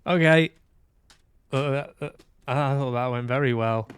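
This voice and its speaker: Speaking at an unhurried pace, this man has a medium-pitched voice with a clean tone. He's a livestream host from Manchester, UK, chatting casually during games, hesitant and thinking aloud to himself.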